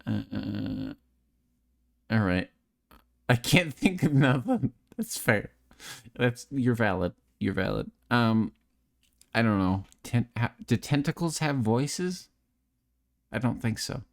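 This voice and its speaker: A man's voice: mid-range voice, lively intonation, takes it slowly, creaky, long pauses. A man streaming late at night, chatting candidly, repeating words and restarting sentences, swearing and joking at his own expense. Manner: swears freely, joking and self-mocking.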